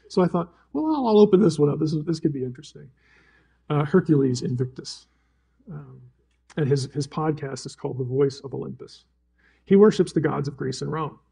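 A man's voice: fairly high pitch, expressive, moderate pace, creaky, pauses often, dark tone, breathy edge. A man teaching the Bible at a fellowship gathering, telling stories animatedly with frequent restarts and chuckles. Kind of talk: live talk to a gathering.

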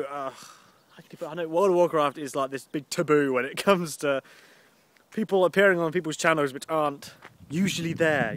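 A man's voice: a little high, no room sound. A man rambling casually in an outdoor vlog, chatty and self-deprecating, swearing now and then. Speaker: vlogger. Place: outdoors with wind.

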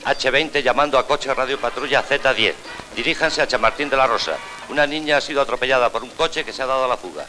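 An actor playing a police radio dispatcher calling patrol cars with clipped, formal call-outs, heard over a police radio transmission in an old film trailer. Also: male voice, mid-range voice, fast talker, bright, forceful tone, soft background music, low-quality recording. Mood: urgent. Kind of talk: 1950s film trailer acting.

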